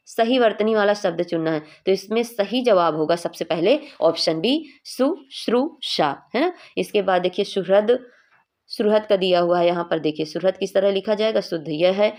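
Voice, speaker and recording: A woman's voice: medium pitch, a little mellow. A young woman teaching a Hindi exam revision class, explaining each answer patiently and often checking in with her students.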